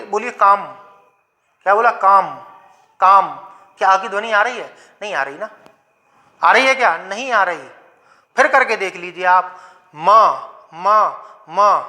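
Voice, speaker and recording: A man teaching Hindi grammar in a lecture, asking questions and answering them himself, repeating example words slowly. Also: high voice, sharp tone. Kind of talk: classroom lecture.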